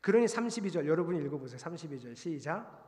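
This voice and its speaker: A middle-aged man preaching a sermon as pastor, telling his story in an animated, confessional way with exclamations. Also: fairly high pitch, fast talker. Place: church sanctuary. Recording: long hall reverb.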